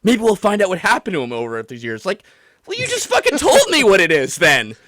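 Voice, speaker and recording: On a livestream, a podcast host who takes callers rants casually about a game, sounding exasperated, animated, and profane as he rambles and mimics others in mock quotes. His voice sits high and he talks briskly. The studio-quality audio has no room sound.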